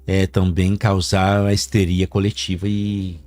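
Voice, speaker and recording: A man who is a priest, a guest on a podcast, calmly explaining how the church weighs evidence. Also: sits low, measured pace, dry recording. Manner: calm, affirming interjections, explains church practice. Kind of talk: casual chat.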